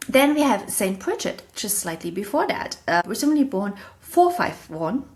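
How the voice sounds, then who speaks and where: A podcast host with a German accent gives a casual solo talk, rambling, correcting herself along the way, and often laughing at herself. Her voice is mid-range.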